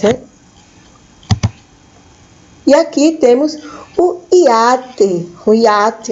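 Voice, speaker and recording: A woman's voice: medium pitch, mellow, lo-fi sound. A woman teaching a school lesson, patiently repeating each word for her pupils. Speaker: Spanish teacher.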